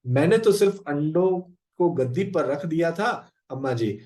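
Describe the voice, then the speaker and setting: A man's voice: fairly high pitch, expressive, measured pace, warm tone, echoey room. A male teacher voicing a guilty, tearful young boy from a storybook. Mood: plaintive. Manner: plaintive.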